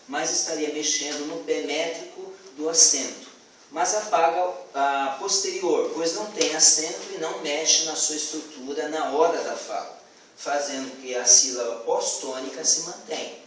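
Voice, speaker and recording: A man gives a student class presentation, pausing often with fillers and restarts. His voice sits a little high and is picked up from across a very echoey classroom, with faint hiss behind him. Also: far from the mic. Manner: hesitant, many fillers and restarts.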